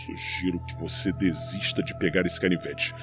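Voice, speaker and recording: An actor in a crime audio drama playing a vengeful enforcer, taunting, sardonic and foul-mouthed, speaking deliberately. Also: male voice, deep voice, little pitch movement, a bit bright. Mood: cold menace. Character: menacing, vengeful male enforcer avenging his brother. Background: music.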